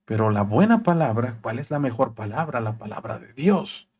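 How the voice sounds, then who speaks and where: A man's voice: mid-range voice, expressive, moderate pace, darkish tone, slightly rough. A man preaching as a pastor on a live broadcast, voicing quoted thoughts with rising emphasis.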